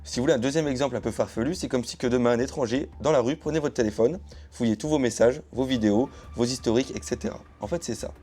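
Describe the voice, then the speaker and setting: A man's voice: mid-range voice, fast, dark tone. A man telling a true story as a casual explainer, chatting straight to his viewers with frequent asides. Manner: chatty, addresses viewers directly with asides and hedging phrases. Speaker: YouTube storyteller. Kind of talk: casual explainer narration to camera.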